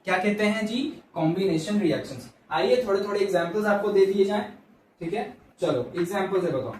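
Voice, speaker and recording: A man's voice: high-pitched, animated, brisk, darkish tone, a little hiss or hum. A male science teacher lecturing at the board, repeating key terms and asking and answering his own questions. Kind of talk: classroom lecture. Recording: very echoey room, mic far off.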